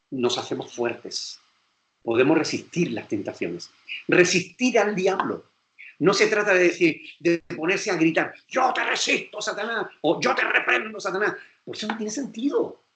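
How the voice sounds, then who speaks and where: A man's voice: on the high side, reverberant. A male pastor with a Spain Spanish accent, preaching emphatically and acting out quoted voices. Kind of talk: sermon lecture.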